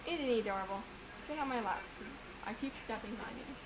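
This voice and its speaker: A woman chats excitably on a home stream, rambling from one game theory to the next. Her voice sits a little high, and a steady hiss of background noise runs under her words. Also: brisk. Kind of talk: casual chat. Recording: noisy home stream audio.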